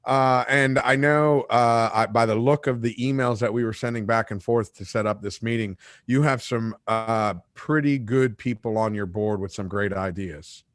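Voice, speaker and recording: A man in his late forties hosts a casual fishing chat with lively, joking energy. His voice sits at an ordinary middle pitch. The sound is dry and close, with little room around it. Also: normal speed, hardly any pauses, no room sound. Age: 40s. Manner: animated joking storyteller with acted-out quotes. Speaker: fishing show host. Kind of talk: casual live-stream chat.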